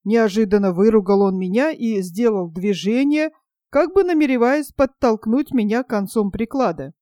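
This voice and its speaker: Casting: woman audiobook narrator, mellow and somewhat high, dry close sound. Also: dry recording. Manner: measured, even storytelling.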